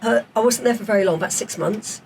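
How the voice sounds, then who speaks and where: A woman in her fifties, raised in South Africa, chatting as a podcast guest and telling stories in an animated way. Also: mid-range voice, quick pace, vocal fry, distant mic, a little hiss or hum. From England, raised in South Africa. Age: 50s. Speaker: podcast guest, former police officer. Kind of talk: casual interview chat.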